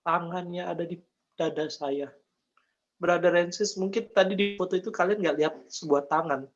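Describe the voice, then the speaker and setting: A man's voice: sits high, fairly even intonation, moderate pace, highs cut off. A man giving an emotional faith testimony, earnest and repetitive, speaking directly to his listeners. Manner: earnest, repeats phrases, addresses listeners as brother and sis.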